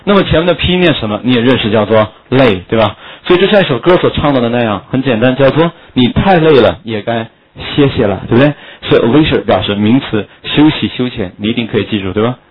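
A man teaching English vocabulary in a lively classroom lecture, full of rhetorical questions and jokey memory tricks. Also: medium pitch, fast talker, few pauses, husky. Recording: dull lo-fi lecture recording.

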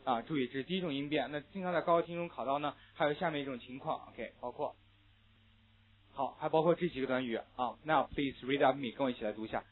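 A young adult man with a medium-pitched voice talks fast while teaching English pronunciation in a classroom lecture. He explains sound changes and has students repeat phrases after him, captured in muffled, phone-like lo-fi audio.

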